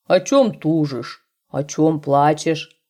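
A big, steady male bear from a storybook who speaks gruffly, as a woman acts him out. His voice is pitched lower than hers, slow and mellow.

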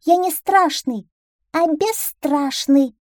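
A woman voicing a greedy, boastful little male duckling who shouts and brags in a storybook reading. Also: slow pace, no echo, clean studio sound. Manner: loud, shrill and cocky.

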